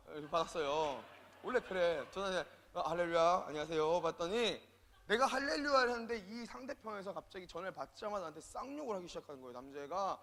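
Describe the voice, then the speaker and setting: A high-pitched man giving a storytelling sermon as a youth minister. He acts out the people in his story, dropping to quiet asides and then jumping up to loud, punchy lines. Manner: animated, acts out quoted dialogue, swings between loud and soft.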